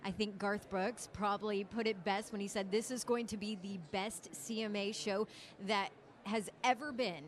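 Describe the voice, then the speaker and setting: A woman's voice: mid-range voice, steady tone, normal speed. A woman co-hosting a live red carpet broadcast in a gushing, upbeat presenter manner. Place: outdoors at a red carpet event.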